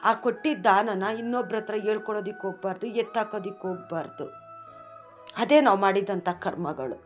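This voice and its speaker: A woman speaks to her followers in a heartfelt devotional talk, her voice sitting at an ordinary middle pitch. She sounds earnest and emotional, often pleading as she explains. Soft music plays faintly behind her. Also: a little fast. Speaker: devotional video host.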